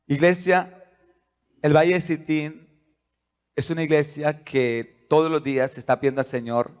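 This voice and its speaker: High-voiced preaching man, dull recording. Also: steady tone, normal speed, clean tone. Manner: preaching with rhetorical questions to the congregation; swings between soft asides and loud, rising emphasis. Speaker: pastor. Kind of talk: sermon. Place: church.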